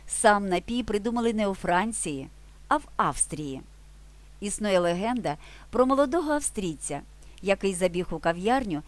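Lively-voiced woman teaching language. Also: fairly low pitch. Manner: clear, deliberate letter-by-letter dictation. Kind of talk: scripted lesson narration.

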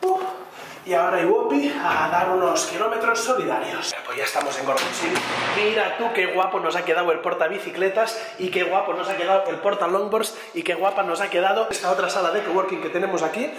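Man, 30s, high voice, chatty and foul-mouthed, talking to a handheld camera on a seaside run, faint street noise. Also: brisk. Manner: animated, swearing, motivational rambling. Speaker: vlogger. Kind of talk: casual vlog monologue while out running. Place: outdoors by the sea at night. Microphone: camera held in hand while on the move.

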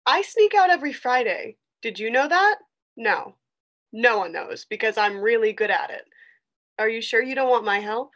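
A woman's voice: fairly high pitch, expressive, normal speed, a bit bright. A woman reading a sly, cheeky kid sister. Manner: sly, conspiratorial. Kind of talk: script read-through.

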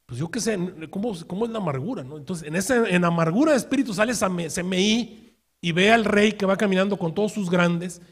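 A man preaching a sermon as pastor, telling a story with rhetorical questions and acted-out quotes, swinging from quiet asides to loud outbursts. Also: high-pitched, slightly rough.

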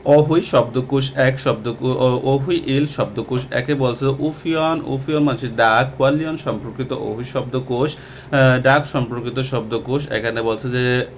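Man teaching vocabulary, slow and hesitant. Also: medium pitch, steady tone, slight background noise. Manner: slow and repetitive, with many hesitations. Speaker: Korean language teacher. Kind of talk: textbook lesson explaining vocabulary.

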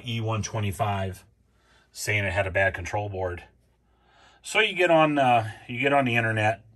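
Low-voiced man explaining a furnace repair. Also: a bit bright. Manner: plain, unhurried, many ums and restarts. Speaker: homeowner showing a repair. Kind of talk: casual DIY walkthrough. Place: indoors by a furnace, off camera.

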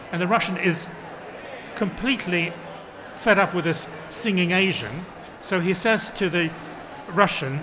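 A man's voice: high-pitched, background noise. A man on a book fair panel reading his translated excerpt aloud and explaining it, voicing the characters' lines as he goes. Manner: acts out the characters' lines in shifting voices.

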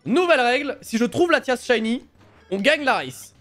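A woman streaming a game live, chatting casually and excitably with her audience and her co-player, often breaking into laughter. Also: fairly high pitch, moderate pace, faint music behind. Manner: excitable, bursts of laughter, teasing. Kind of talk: casual live-stream chat while gaming.

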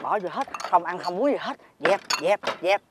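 A woman's voice: lowish voice, lively intonation, normal speed, heavy background noise, natural voice. A woman with a Southern Vietnamese accent playing an older fisherman's greedy wife who scolds and makes demands. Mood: scolding. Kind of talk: fairy-tale drama acting.

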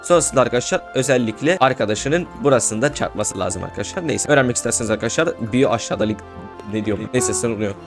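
A young man casually commentating his own gameplay, excitable and repeating words in quick bursts. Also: mid-range voice, music in the background. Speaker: gaming YouTuber.

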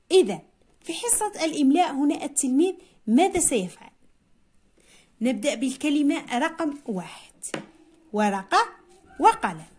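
A woman teaching a primary spelling lesson. She dictates single words slowly, repeats each one, and asks her pupils questions that she answers herself. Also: sits high, a little mellow.

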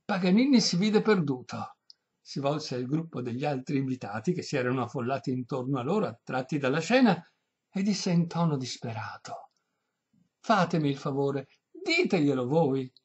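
Husky male audiobook reader, lively narration, dull lo-fi recording. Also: medium pitch, brisk. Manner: expressive, animated narration. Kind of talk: storytelling reading.

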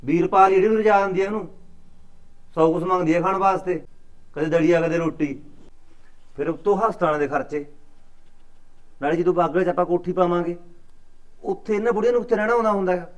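A man's voice: fairly even intonation, brisk, pauses often, highs cut off, close to an everyday voice. A man playing a callous village son in a comedy drama, with a Malwai Punjabi accent, dismissive and grumbling. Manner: dismissive, grumbling, low muttering.

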